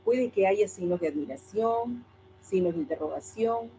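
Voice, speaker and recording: Peruvian woman teacher, dark and mellow. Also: mid-range voice, expressive, normal speed, slight background noise, low-quality recording. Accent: Peruvian Spanish. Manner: asks and answers her own questions. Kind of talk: lecturing a class.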